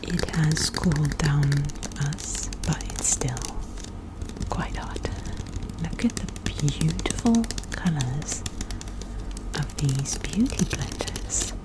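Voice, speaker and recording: A woman whispering softly and gently in an unhurried ASMR style, close to the microphone. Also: sits low, poor audio. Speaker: ASMR video host. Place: indoor room with air conditioner running. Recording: clear steady background noise. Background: air conditioner noise, tapping and clicking of handled objects.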